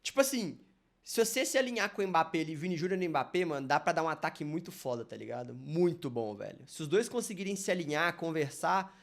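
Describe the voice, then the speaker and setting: A man's voice: fairly high pitch, animated, quick pace, creaky. A Brazilian man reacting live to a video, talking casually in a rambling, slang-heavy way. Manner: slangy, rambling, loaded with fillers like "mano" and "velho".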